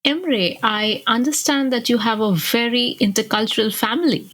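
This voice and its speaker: A woman's voice: fairly high pitch, normal speed, fairly bright tone, rough recording. A woman from India co-hosting a podcast, speaking in an engaged, curious way. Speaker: podcast co-host. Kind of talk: podcast conversation.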